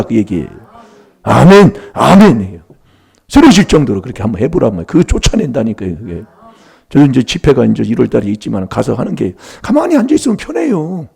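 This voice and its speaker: A man's voice: medium pitch, vocal fry, mellow, slightly rough. A middle-aged man preaching a sermon in a church, emphatic and prompting the congregation for replies.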